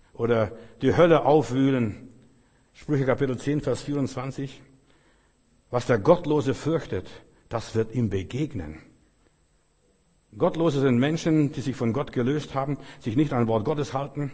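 A man's voice: medium pitch, darkish tone, slightly rough, long reverb tail. A man preaching a sermon with emphasis, repeating his phrases and quoting scripture. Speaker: pastor.

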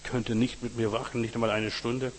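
A man's voice: medium pitch, flat delivery, a little fast. A man preaches a sermon and speaks straight to his listeners, leaning hard into dramatic scripture readings. His voice carries a long hall reverb. A faint hum sits behind it. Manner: direct address with frequent 'weißt du', dramatic scripture readings.

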